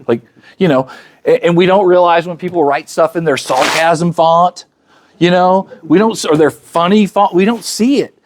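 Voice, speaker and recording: A man's voice: high voice, normal speed. A man in his fifties giving a motivational talk at a business luncheon. He chats directly with the audience and acts out quoted conversations. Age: 50s. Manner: chatty, speaks directly to the crowd. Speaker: luncheon speaker.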